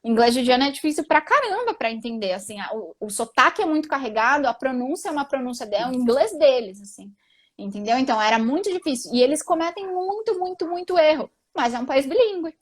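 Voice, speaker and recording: A woman's voice: high voice, expressive, fast talker. A woman in her thirties, co-hosting a live stream in casual chat, talking in a chatty, emphatic way. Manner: chatty, emphatic, says "tipo" and "entendeu" a lot.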